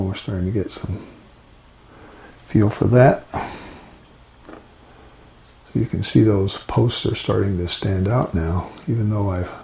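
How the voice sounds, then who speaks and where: An older man, a gentle painting instructor, talking in a low-key, musing way as he demonstrates watercolour step by step. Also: creaky. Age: 60s or older. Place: indoors at a painting easel.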